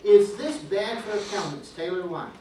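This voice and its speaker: In an echoey classroom recorded from far off, a man with a high-sitting voice gives a business law lecture at normal speed amid background noise. He reads through his points, calls on students by name and cracks dry jokes.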